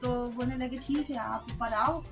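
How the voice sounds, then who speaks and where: High-voiced woman telling her story. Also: steady tone, measured pace, vocal fry, over music. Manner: storytelling, quoting others' words, frequent "haan, ji". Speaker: interviewee recounting an incident. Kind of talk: emotional first-person account.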